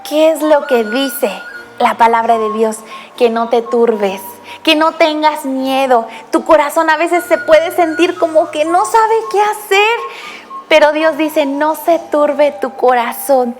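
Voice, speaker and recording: A woman with a high voice gives a Bible lesson for children at an unhurried pace. She keeps asking the young listener questions and tells the story with lively expression. Soft music plays underneath. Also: big-room sound. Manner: addresses the child directly with frequent questions; animated storytelling.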